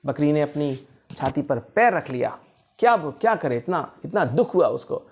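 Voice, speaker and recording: A man narrating a children's fable with lively, rising and falling delivery. He turns to his young listeners with questions as he goes, pausing and pressing on with the tale. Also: fairly high pitch. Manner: animated, asks the listeners questions. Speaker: motivational speaker. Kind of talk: storytelling for children.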